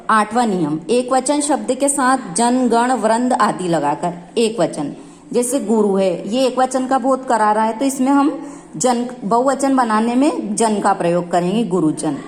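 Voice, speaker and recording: A woman's voice: fairly high pitch, a little mellow. A woman teacher giving a grammar lesson, explaining each rule step by step and repeating her examples.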